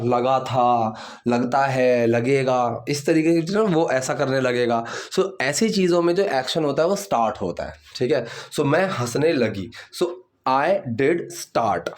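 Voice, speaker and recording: Guy teaching english grammar, patient, mid voice, keeps saying okay. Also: medium pitch. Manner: patient, repeats "theek hai" often. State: sore hands from the gym. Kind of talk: grammar lesson explaining sentences.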